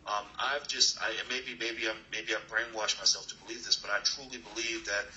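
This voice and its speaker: In a dim room at a new location, a man hosts an online class and interviews a guest over a video call, giving a motivational talk. His fairly low, steady voice is bright and forceful, fairly quick, earnest, and full of fillers and restarts. The recording is muffled with slight background noise.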